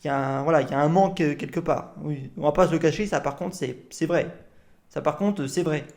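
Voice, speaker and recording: Reaction host, indignant and repetitive, mid pitch, argues with the clip on screen. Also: quick pace, creaky, darkish tone. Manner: repetitive, indignant, swears a lot.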